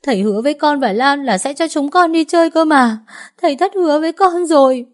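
Lady doing a tiny crying girl, super high pitched, begging her dad to wake up. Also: steady tone, moderate pace, a little mellow, lightly acted. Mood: sobbing. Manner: tearful, pleading. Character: little girl crying for her dead father.

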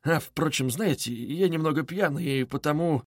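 A man voicing a tipsy young man, loud, blustering and drunkenly emphatic. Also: on the high side, normal speed, no echo, studio quality, natural voice. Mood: urgent. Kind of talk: audiobook character reading.

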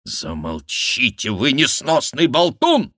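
A man's voice: low voice, lively intonation, slow, sharp tone, no room sound, clean studio sound, exaggerated voice. A man reading an audiobook, voicing a stern, weary king who gives commands. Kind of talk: audiobook character voice.

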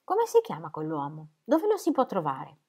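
A woman voicing a pushy, suspicious gentleman who fires off insistent questions. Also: low-pitched, wildly swooping pitch, moderate pace, breathy edge, exaggerated voice.

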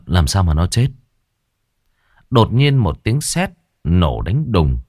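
A man narrates a ghost story in a very deep voice that rises and falls with lively, wide swings of pitch. He tells it slowly and with suspense, and the recording sounds dry and close. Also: dry recording. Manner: slow, suspenseful and expressive.

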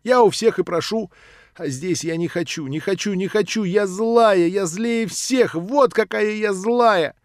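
A man's voice: high-pitched, unhurried, no echo, studio quality, pitched above the performer's own voice. A man voicing a proud, tormented orphan girl who bursts out tearfully and shrilly. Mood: hysterical.

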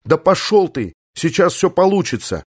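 A man's voice: on the high side, animated, moderate pace, voice pushed up. A man doing a frantic young pilot. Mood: defiant. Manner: urgent, shouting commands. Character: young male fighter pilot, frantic rescuer.

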